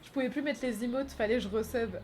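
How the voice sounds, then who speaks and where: High-voiced, animated streamer woman. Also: fast, a little hiss or hum. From France. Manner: animated, teasing and crude, laughs often. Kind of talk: casual gaming stream chat.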